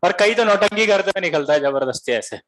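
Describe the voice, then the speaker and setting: High-voiced teacher telling jokes. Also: male voice, a little fast. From Bihar, India. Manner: animated storytelling, quizzing students. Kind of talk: comic classroom lecture.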